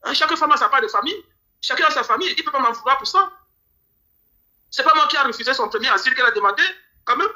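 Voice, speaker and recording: A man's voice: very high-pitched, expressive, fast, long pauses, bright, forceful tone. A man from Cameroon giving a grieving, pleading interview, often repeating his words. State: grieving, near tears. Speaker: interview guest. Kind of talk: emotional interview testimony.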